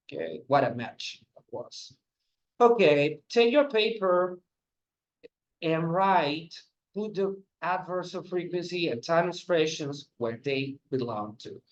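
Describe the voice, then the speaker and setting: A man teaching an English lesson on video, giving instructions and modeling sentences. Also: on the high side. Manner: explains slowly and gives classroom instructions. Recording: dull lo-fi sound.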